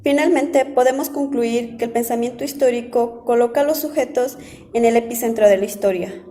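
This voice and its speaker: A woman with a mellow, slightly high voice reads a formal academic statement. Her words carry a long reverb, as in a hall. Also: fairly quick. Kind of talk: scripted formal academic conclusion.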